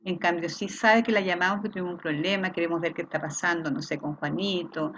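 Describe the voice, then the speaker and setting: A woman's voice: on the low side, steady tone, a little fast, fairly bright tone, slight background noise. A woman with a Chilean accent teaching an online class, explaining patiently and checking in with frequent questions. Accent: Chilean Spanish. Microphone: video call.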